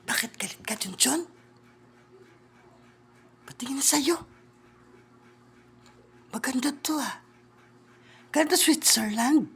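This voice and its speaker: High-voiced bossy woman comedian. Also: lively intonation, slow pace, pauses often, a bit bright, husky. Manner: bossy, teasing, with muttered whispered asides. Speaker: comedian in a classroom skit. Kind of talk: improvised comedy skit.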